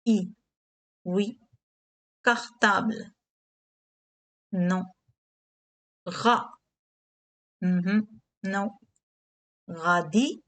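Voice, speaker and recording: A woman teaching beginner French, giving English glosses and repeating key words slowly. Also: medium pitch, a bit bright. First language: Hindi.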